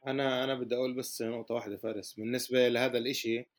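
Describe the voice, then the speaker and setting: A man's voice: mid-range voice, flat delivery, rapid-fire. A man with a Palestinian Arabic accent giving casual football analysis as a guest, arguing his case point by point.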